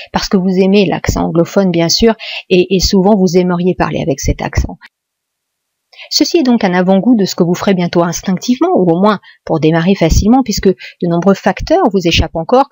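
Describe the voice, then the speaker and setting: A woman's voice: medium pitch, mellow, husky, no room sound. A woman teaching English pronunciation in a video tutorial, explaining step by step in a patient way with hesitant restarts.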